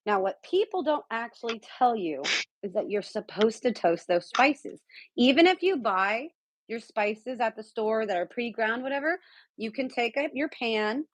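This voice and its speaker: A woman's voice: fairly high pitch, lively intonation, moderate pace, no echo, poor audio. A woman from San Diego, the guest cook, explaining a recipe in a chatty, casual way with lots of fillers over a video call. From San Diego, California. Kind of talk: casual cooking chat.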